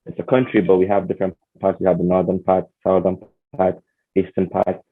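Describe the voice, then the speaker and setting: A Nigerian man whose first language is Hausa chats casually as a podcast guest, full of fillers and restarts. His husky voice sits low and stays monotone while he talks briskly, and the recording sounds tinny, like a phone.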